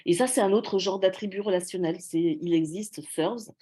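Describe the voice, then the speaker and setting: A woman's voice: medium pitch, moderate pace, mellow, husky. A woman researcher giving an academic presentation, explaining patiently with frequent fillers and self-corrections.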